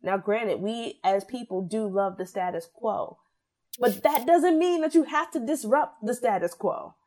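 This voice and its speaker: Young woman, casual podcast chat, opinionated, animated, slightly high voice. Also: unhurried.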